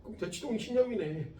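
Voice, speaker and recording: A man's voice: high voice, recorded from a distance, a little hiss or hum. A man in his thirties teaching a physics class, joking, swearing casually, and chatting with his students. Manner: profane, joking, animated. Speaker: physics tutor. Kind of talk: classroom lecture. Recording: echoey classroom, off-mic.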